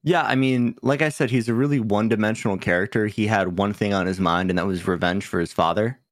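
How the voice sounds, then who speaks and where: A man's voice: on the low side, fast, no echo, clean studio sound. A man co-hosting a podcast in casual chat, laughing often and swearing casually. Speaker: podcast co-host.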